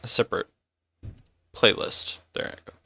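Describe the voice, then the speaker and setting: A man's voice: normal speed, sharp tone, no room sound. A man streaming a game and chatting casually, rambling and correcting himself as he goes. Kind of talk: casual live-stream chat.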